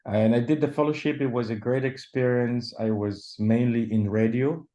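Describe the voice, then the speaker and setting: A man from Sudan, a journalist answering interview questions in a measured way, often pausing and restarting. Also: mid-range voice, fairly even intonation, dark tone. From South Sudan / Sudan. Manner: measured, with frequent hesitations and restarts. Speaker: journalist guest.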